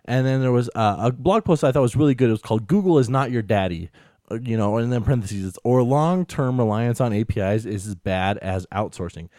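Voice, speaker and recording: Mellow American man co-hosting a podcast. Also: mid-range voice, fairly quick, no room sound, clean studio sound. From United States. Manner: rambling, earnest, peppered with "you know". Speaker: podcast co-host. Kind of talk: casual tech podcast talk.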